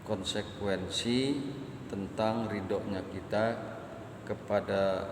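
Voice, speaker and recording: A man preaching a sermon, repeating phrases slowly and chanting Arabic passages. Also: fairly low pitch, fairly even intonation, noisy background. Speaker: Islamic preacher. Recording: echoey hall, faint ambience.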